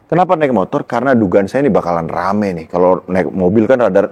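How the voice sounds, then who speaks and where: A man recounting his life story in casual talk, animated and rising high when tense. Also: a little fast, long reverb tail. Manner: animated storytelling, pitch jumps high in tense moments, laughs between lines. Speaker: guest telling his story. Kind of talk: personal testimony in casual talk.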